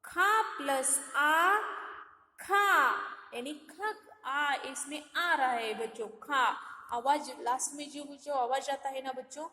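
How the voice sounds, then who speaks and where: A woman's voice: sits high, a little slow, a bit bright. A woman teacher leading young children through a syllable lesson, drawing out and repeating each sound and often calling to the children. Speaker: kindergarten teacher. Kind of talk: slow syllable-by-syllable Hindi alphabet lesson for small children. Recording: echoey room with long reverb.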